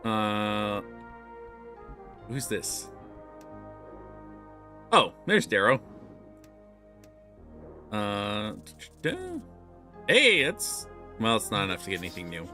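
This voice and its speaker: A man streaming a story game, reading its text aloud with lively swings in pitch and pace. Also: drawn-out words, pauses often, soft background music.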